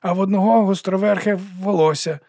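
A man's voice: sits high, fairly even intonation, fairly quick, darkish tone, dry recording, studio quality, voice pushed up. A man doing an eager, dim young rocker. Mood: excited.

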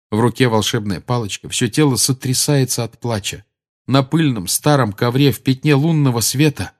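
A man reading a fantasy novel aloud, dramatic and expressive. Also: fairly low pitch. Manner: dramatic, rising and dropping with the tension. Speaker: audiobook narrator. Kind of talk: expressive audiobook narration.

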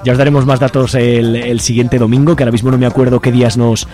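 With music running in the background of a live broadcast, this man co-hosts community radio from a studio in a relaxed, chatty style. His accent is from Spain, and his mid-range voice is level, warm, and fast-paced.

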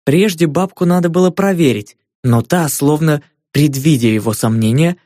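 A man narrates a fantasy novel in an expressive, lively audiobook style. His voice sits a little high for a man and is recorded close on the mic. The room sound is dry. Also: moderate pace, no room sound.

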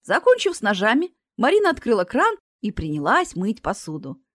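A woman narrating an audiobook story in an expressive, playful way. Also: a little high, normal speed, no echo, studio quality.

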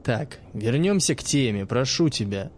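A man playing a stern, gruff old teacher who speaks in a dry, sarcastic and sometimes menacing way. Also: mid-range voice, expressive, moderate pace, slight background noise, lightly acted.

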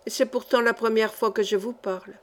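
A tender young man speaks softly and shyly, as a woman reader voices him. His lines keep a gentle warmth throughout. This is a classic novel read aloud. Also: fairly high pitch, fairly even intonation, a little fast, close to an everyday voice. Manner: soft, tender. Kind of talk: audiobook character reading.

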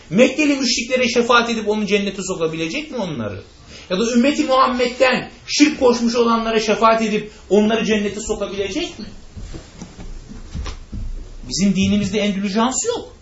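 A man's voice: sits high, a bit bright, echoey room, highs cut off. A man teaching a religious class who asks rhetorical questions, answers them himself and speaks straight to his listeners. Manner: addresses listeners directly. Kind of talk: lecture to a class.

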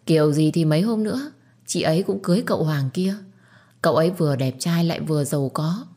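A woman's voice: low voice, fast, dark tone. Woman voicing a scheming girl: sweet-talking, wheedling. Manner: sugary, wheedling.

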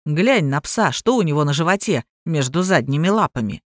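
A woman reading an audiobook voices a calm, sarcastic police major who gives dry, mocking orders. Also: deep voice, normal speed, no room sound, pitched below the performer's own voice.

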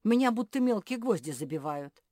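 A woman's voice: mid-range voice, very animated, brisk, warm tone, no room sound, studio quality, pitched above the performer's own voice. A woman voicing a groaning, yelping male doberman guard in a storybook reading.

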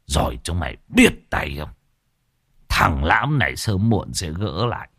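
A slurring drunk of a father, as a male narrator puts him on, his low voice lurching and drawling through every line. The sound is dry and close, read like a storybook. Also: big pitch swings, measured pace, vocal fry, a bit bright, breathy edge, no echo, full character voice. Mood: drunk boasting. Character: drunken ruined middle-aged father, gambler.

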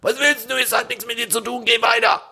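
A man voicing an aggressive, rude male bully who shouts crude insults in a raised, strained voice. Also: very high voice, steady tone, quick pace, vocal fry, breathy edge, pitched above the performer's own voice, exaggerated voice.

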